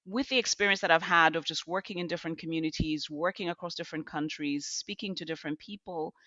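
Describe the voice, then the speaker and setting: A woman's voice: sits low, fast, bright, forceful tone, no echo, lo-fi sound. A middle-aged woman, a podcast guest telling reflective stories with restarts. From Zambia. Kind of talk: podcast interview.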